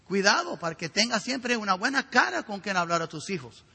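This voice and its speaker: A middle-aged male pastor preaching a sermon with a raspy, gravelly voice and emphatic rhetorical questions. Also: high voice, very animated, fairly quick, sharp tone. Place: church sanctuary. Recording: reverberant hall.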